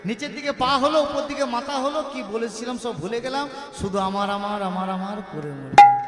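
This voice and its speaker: A man's voice: extremely high pitch, brisk. A man preaching a devotional sermon between sung verses, asking his listeners rhetorical questions and calling out for responses. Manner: call-and-response with the audience. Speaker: kirtan singer and preacher. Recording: roomy echo with long reverb. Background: devotional music playing.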